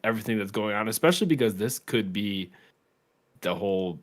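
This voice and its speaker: A man co-hosting a casual film review podcast, easygoing and quick to agree, often laughing along. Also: lowish voice, expressive. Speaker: podcast co-host.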